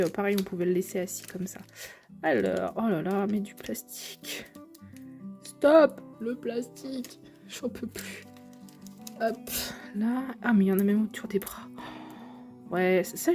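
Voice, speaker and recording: A woman's voice: mid-range voice, warm tone. A young woman, chatting to viewers as she unboxes figures, gushing over how cute they are. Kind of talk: casual unboxing vlog.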